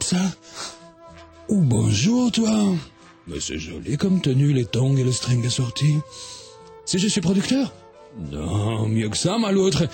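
A man performing a crude, boastful comic sketch monologue as a radio columnist, shouting and muttering by turns. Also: a little high, vocal fry.

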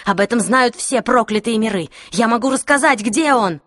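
A woman's voice: fairly high pitch, expressive, normal speed, a bit bright, dry recording, clean studio sound. A woman voicing a desperate captive male demon, pleading frantically. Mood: frantic. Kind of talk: audiobook character voice.

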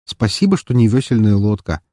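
A man reading a sci-fi audiobook as a first-person narration, in a steady, measured way. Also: on the low side, no echo, studio quality.

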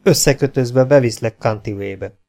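Egy férfi által játszott kurta, makacs ifjú fogvatartó. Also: male voice, medium pitch, creaky, darkish tone, pitched above the performer's own voice, lightly acted. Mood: stern. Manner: blunt, terse demands. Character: stubborn young male captor, a tense youth.

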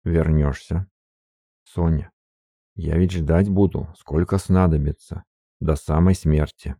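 A burly, stubborn man, sorrowful and halting, his voice deep, slow and gravelly as a male narrator plays him. He drags each word out with stubborn weight. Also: steady tone, warm tone, no room sound, clean studio sound, full character voice.

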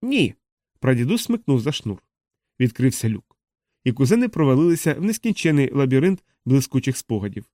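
A man's voice: mid-range voice, fairly quick, no echo. Man narrating an audiobook, close and dry. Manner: expressive storytelling. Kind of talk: scripted narration.

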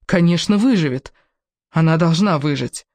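A man's voice: on the high side, moderate pace, a little mellow, no room sound, studio quality, natural voice. A man voicing a grieving young woman nurse, pleading in tearful cries. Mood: desperate. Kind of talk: dramatic narration.

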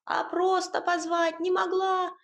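A woman's voice: very high-pitched, flat delivery, measured pace, a bit bright, pitched above the performer's own voice, full character voice. A woman voicing a fussy, reproachful young male house spirit in a storybook reading. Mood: scolding.

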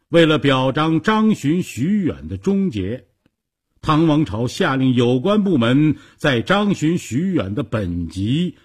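一位男性说书人，以富有戏剧性的广播评书方式讲述故事。. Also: male voice, medium pitch, husky. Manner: dramatic, animated storytelling. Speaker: storyteller. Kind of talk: radio story narration.

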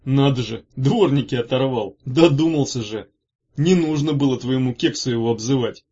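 A man's voice: medium pitch, normal speed, mellow, slightly rough, lightly acted. A man voicing a cheerful, mischievous young brother in an audiobook, in an easygoing, playful manner. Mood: amused. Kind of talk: audiobook character voice. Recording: dull lo-fi recording.

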